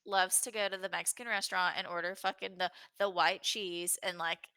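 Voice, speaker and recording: A woman co-hosting a podcast in casual chat, profane and excitable, quick to laugh. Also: lowish voice, crowd noise. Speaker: podcast co-host.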